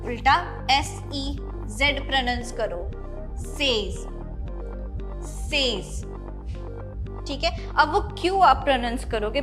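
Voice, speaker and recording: A woman teaching English pronunciation, explaining step by step and spelling words out letter by letter. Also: high-pitched. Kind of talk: classroom-style lesson. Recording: light background music.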